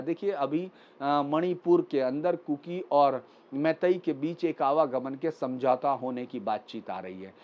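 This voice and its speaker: A man with a fairly high voice walks through the day's news like a commentator, steady and explanatory, pausing often with small fillers. The recording sounds a little dull and lo-fi. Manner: measured, explanatory, frequent pauses and fillers.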